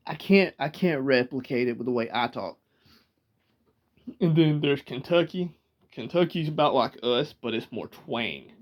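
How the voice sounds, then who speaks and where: A man's voice: a little high, a little mellow. A man from Georgia with a Southern drawl, talking casually to the camera, chatty and rambling, laughing often. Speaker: vlogger. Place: small room indoors, sitting in a rocking chair. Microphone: camera in front of him.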